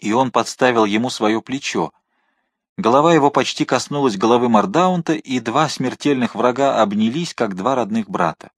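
A man narrating an adventure novel in an expressive, dramatic reading style. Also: mid-range voice, moderate pace, dry recording, studio quality. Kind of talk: audiobook narration.

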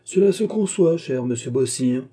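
A man voicing a calm, mildly mocking gentleman who speaks unhurried and polite in an audiobook reading. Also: medium pitch. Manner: smooth, unhurried, politely ironic.

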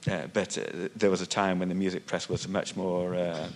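A man's voice: sits low, level tone, moderate pace, a little hiss or hum. A man speaking on a panel discussion, thinking aloud with frequent restarts and fillers, once losing his thread. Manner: hesitant, many restarts and fillers, loses thread. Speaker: panelist, music magazine writer. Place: conference hall panel.

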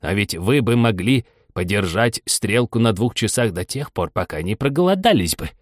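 An eccentric male hatter argues in a lifted, sing-song voice, gloomy and contrary, as a man reads him aloud. His pitch rises and falls a lot. The sound is close and dry. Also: expressive, moderate pace, no room sound. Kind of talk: audiobook character reading.

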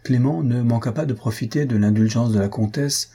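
A man narrating a classic novel for an audiobook, his reading measured and steady. His voice is very husky and breathy, with a warm, dark tone at a middle pitch.

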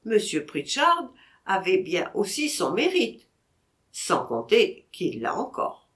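Slow, lively woman reading a novel. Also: medium pitch. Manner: lively expressive reading, voicing each character. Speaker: audiobook reader. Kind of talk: scripted narration of a classic novel.

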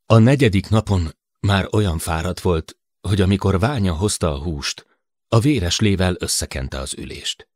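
A man from Hungary narrating a science fiction audiobook in a measured, even storytelling manner. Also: deep voice, dry recording, clean studio sound. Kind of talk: scripted narration.

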